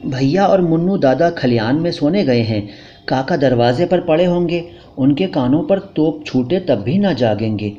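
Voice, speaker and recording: A man's voice: a little high, lively intonation, normal speed, dark tone, voice pushed up, close to an everyday voice. A man voicing a bold, stubborn young wife who talks back sharply, in a dull lo-fi recording. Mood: defiant.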